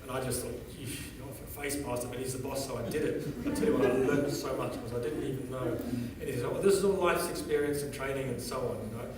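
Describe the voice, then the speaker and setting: Telling stories at a seminar, this older Zambian man, whose first language is Bemba and who is in his 60s, talks quickly with hardly any pauses at medium pitch. He's a conversational storyteller who frequently restarts and asks "okay?" The testimony is captured from far off in a large, echoey hall with background noise.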